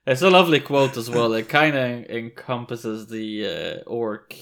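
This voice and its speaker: A man's voice: medium pitch, measured pace, fairly bright tone. A man co-hosting a podcast in casual chat, laughing often and swearing casually. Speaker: podcast co-host.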